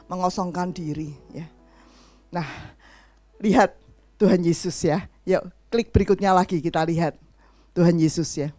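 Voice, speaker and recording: A middle-aged woman preaching a sermon in an animated storytelling way, acting out the voices of the people in her stories. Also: fairly low pitch, a little slow, long pauses, dry recording, faint music behind.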